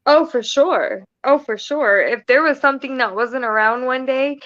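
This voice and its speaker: A woman's voice: high voice, moderate pace, fairly bright tone, no room sound, muffled recording. A woman guest talking candidly and matter-of-factly in a casual conversation over a video call. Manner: candid and matter-of-fact, with light laughs.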